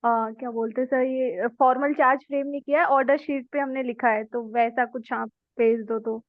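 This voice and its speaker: A woman's voice: high-pitched, fairly even intonation, moderate pace, dry recording. A woman student asking her teacher hesitant questions, with many fillers. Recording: tinny phone-like line.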